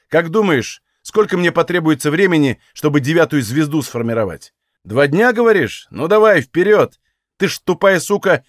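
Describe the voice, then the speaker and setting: A man's voice: a little high, no room sound, studio quality, pitched above the performer's own voice, close to an everyday voice. Man voicing a brash, defiant young mage. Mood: furious. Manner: blunt, swearing, combative.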